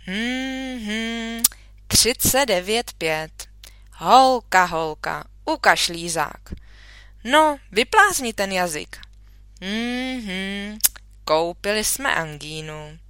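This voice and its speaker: Woman voicing a kindly storybook father, joking and brisk, bright-toned, dry close sound. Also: mid-range voice, smooth, no echo. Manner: brisk and teasing, loud. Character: caring father of a sick girl, kind and joking.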